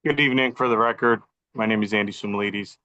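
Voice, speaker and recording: A male engineer speaks through a video call, his voice lowish yet bright and forceful. The audio is dull and lo-fi, dry with no room sound. He presents formally and methodically, with the odd um. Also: fast, no room sound. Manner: methodical, walking through a plan with frequent ums. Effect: on a video call over poor Wi-Fi. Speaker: professional engineer presenting a site plan. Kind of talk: formal presentation at a public meeting. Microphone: computer audio on a video call.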